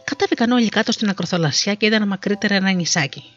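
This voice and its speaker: A storyteller reading a fairy tale aloud with lively delivery, on a dull lo-fi recording with faint music behind. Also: mid-range voice.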